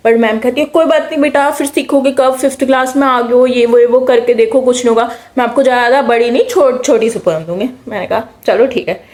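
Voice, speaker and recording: A young woman with an Indian accent tells a story from her school days in a chatty, lively way, dropping English words into her talk. Her voice sits a little high for a woman. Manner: chatty, animated, mixes English words into speech. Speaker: vlogger. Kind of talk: casual storytime.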